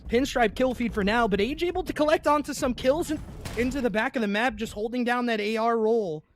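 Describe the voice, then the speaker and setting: A very high male voice, moving a little fast, belongs to a young esports caster giving play-by-play. Hiccups keep interrupting him, and he apologizes to his chat about them. A bit of hiss or hum runs under the recording.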